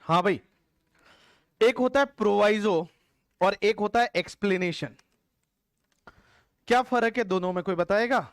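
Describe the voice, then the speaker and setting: A man's voice: sits high, unhurried, pauses often, smooth, dry recording. Dry-sounding male tax teacher quizzing class. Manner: quizzes the class, repeats answers aloud; colloquial, explanatory. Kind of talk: classroom lecture.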